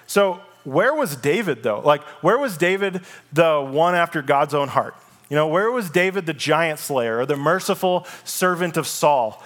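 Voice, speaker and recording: A man's voice: on the high side, expressive, normal speed, fairly bright tone. A male pastor preaching a sermon in a casual, conversational storytelling manner, reading scripture aloud.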